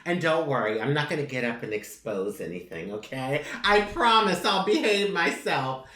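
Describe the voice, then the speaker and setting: A woman's voice: deep voice, expressive, normal speed, fairly bright tone, roomy sound. A woman hosting a casual talk show, playful and giggly with a flirtatious streak. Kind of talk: casual chat.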